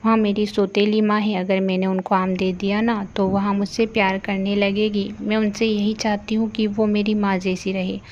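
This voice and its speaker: Young cartoon girl, sweet and pleading, mid-pitched, voiced by a woman. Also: level tone, moderate pace, hardly any pauses, a little mellow, lo-fi sound, a little hiss or hum, close to an everyday voice. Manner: pleading, earnest.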